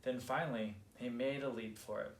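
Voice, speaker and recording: A man narrating a children's picture book, expressive and lively as he reads aloud. His voice sits in a middle pitch and carries a roomy echo. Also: normal speed, creaky. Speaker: storybook reader.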